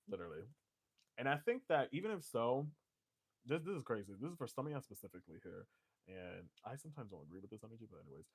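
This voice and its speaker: A man's voice: mid-range voice, sing-song, a little fast, long pauses, breathy edge. Joking, loose-talking man reading tarot. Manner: loose, joking, swears, laughs often. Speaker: tarot reader.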